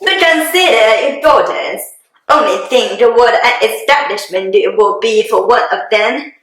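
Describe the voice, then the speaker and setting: A woman playing a fussy, excitable, self-pitying middle-aged wife and mother in a hammy, theatrical dramatic reading. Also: on the high side, a little slow, a little hiss or hum. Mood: insistent, fussy. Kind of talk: dramatic reading of a classic novel. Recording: very echoey room.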